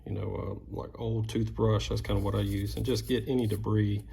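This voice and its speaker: A man's voice: fairly low pitch, little pitch movement, fairly quick, vocal fry, mellow, slight background noise. A man giving casual, plain-spoken how-to instructions step by step, as a craftsman sharing repair tips. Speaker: duck call maker giving repair tips.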